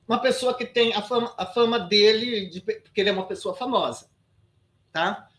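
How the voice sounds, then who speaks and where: An animated Brazilian woman in her sixties recounts her past in a relaxed interview. She talks emphatically, stumbles and restarts often, and tosses in quick "sabe?" checks. Her voice sits at an ordinary middle pitch. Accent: Brazilian Portuguese. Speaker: guest actress. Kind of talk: casual interview storytelling.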